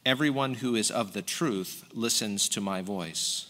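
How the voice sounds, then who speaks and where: Calm solemn prisoner, read by a man. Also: fairly low pitch, unhurried. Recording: long hall reverb.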